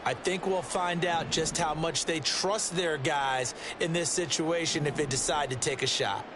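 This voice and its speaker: A man's voice: on the high side, unhurried, noisy background, lightly acted. An American man giving folksy, emphatic color commentary in a football video game.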